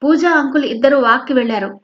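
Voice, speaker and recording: A woman's voice: sits high, fast, voice pushed up, natural voice. A woman voicing an irritable, offhand teenage girl. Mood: irritated. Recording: dull lo-fi recording.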